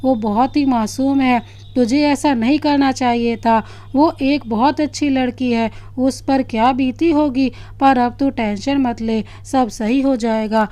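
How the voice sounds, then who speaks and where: A loyal young man who looks out for his friend, put on by a woman reading the story. He sounds concerned and reassuring. The voice sits fairly high. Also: fairly even intonation, unhurried, mellow. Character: young male college friend, loyal and caring.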